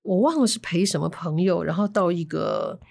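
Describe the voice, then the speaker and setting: A woman from Taiwan, hosting a storytelling podcast in a chatty, animated way with Hokkien asides. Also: lowish voice, moderate pace, vocal fry. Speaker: podcast host.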